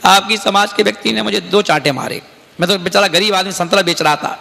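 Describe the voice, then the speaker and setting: A man's voice: high-pitched, fairly quick, creaky, pushed and bright, big-room sound, full character voice. A man voicing a poor male street vendor who pleads and complains after being slapped. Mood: aggrieved.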